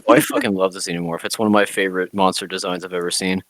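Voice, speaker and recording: A man with a somewhat low voice co-hosts a casual film podcast. He explains details in a relaxed way and swears now and then. The recording is dry and close. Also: racing, no echo, low-quality recording. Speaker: podcast co-host.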